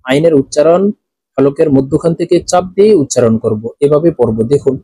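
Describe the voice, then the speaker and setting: A man with a Bangladeshi Bengali accent teaching Quran recitation, slowly and patiently, breaking each word apart and repeating phrases. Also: fairly high pitch, mellow, no room sound. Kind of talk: slow, patient teaching with drawn-out chanted recitation.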